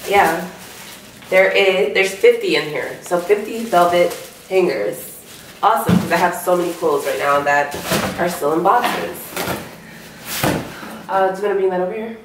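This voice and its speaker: A woman's voice: lowish voice, normal speed, long pauses, background noise. A young woman vlogger casually chatting as she unboxes gifts, bubbly and slangy, full of "like" fillers. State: out of breath at times. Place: room at home, moving in. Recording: echoey empty room, camera mic from a distance.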